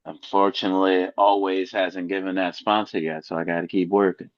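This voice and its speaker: A man's voice: sits low, level tone, a little fast, no echo, highs cut off. A man co-hosting a casual podcast chat, rambling and joking, laughing at his own jokes. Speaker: co-host.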